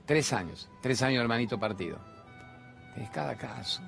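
A man's voice: medium pitch, animated, normal speed, gravelly, fairly bright tone, faint music behind. A man with an Argentine accent giving an impassioned spiritual monologue as a TV host, full of rhetorical questions and repeated phrases. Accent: Argentine Spanish. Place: large TV studio.

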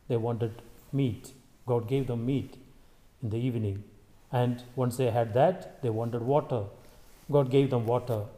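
A priest leading Mass, reading the gospel and preaching a homily in a slow, solemn way, his voice ringing with a long cathedral echo. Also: mid-range voice, mellow. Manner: measured, solemn delivery with pauses. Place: large church.

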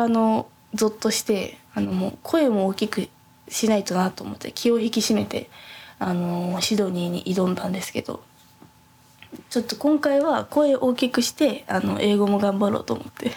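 A soft-spoken young woman chatting casually on a podcast, her voice carrying a gravelly, creaky texture at a middling pitch. She rambles through her story with lots of fillers and restarts. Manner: rambling, many fillers and self-corrections. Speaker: podcast host.

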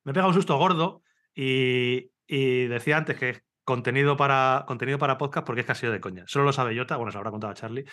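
Fast-talking man telling a funny story. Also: mid-range voice. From Spain. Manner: animated storytelling, swearing, laughing. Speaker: podcast host. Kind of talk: casual chat. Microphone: video call.

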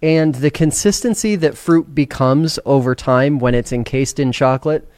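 A man's voice: medium pitch, normal speed, darkish tone, no room sound. A man co-hosting a casual news and chat show, teasing his co-hosts playfully. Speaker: co-host.

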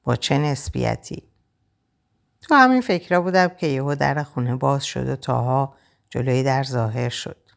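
Very low gravelly woman narrating. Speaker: audiobook narrator. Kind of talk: first-person novel narration.

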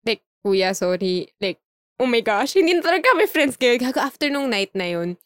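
A young woman with a high voice tells a story in casual chat, laughing often and acting out the lines of the people she quotes. Her voice is recorded close and dry, with almost no room sound. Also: moderate pace, no room sound. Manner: animated, laughs often, acts out quoted dialogue.

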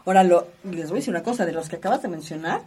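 Husky woman asking guiding questions. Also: on the low side, lively intonation, very fast, mellow. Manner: teacherly, asks guiding questions. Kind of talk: reflective conversation on emotions.

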